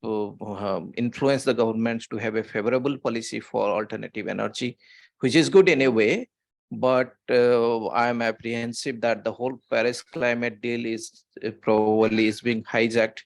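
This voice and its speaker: A man's voice: mid-range voice, fairly even intonation, moderate pace, gravelly, dry recording. A man speaking as a panelist in an online discussion, hesitant, with many fillers and restarts, over a video call.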